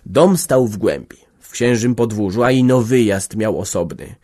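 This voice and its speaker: A man narrating a classic novel as an audiobook in a calm, measured way. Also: on the low side. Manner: calm, measured, unhurried reading.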